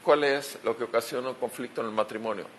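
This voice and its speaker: A man's voice: mid-range voice, fast talker, a bit bright, slight background noise. A man with a Mexican Spanish accent preaching a sermon as pastor, asking rhetorical questions and repeating key phrases.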